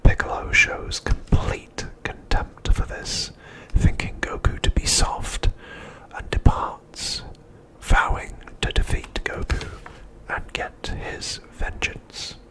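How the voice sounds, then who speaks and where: A man narrates in a purely breathy whisper without any voiced tone, recapping a story like an ASMR host. He keeps it soft, hushed and unhurried. The audio quality is poor.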